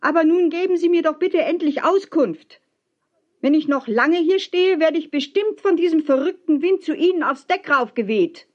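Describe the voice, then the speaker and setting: A woman voicing a hot-tempered young teacher who shouts back in an indignant way. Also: mid-range voice, huge pitch swings, unhurried, dull audio. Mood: shouting. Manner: shouting over wind, indignant.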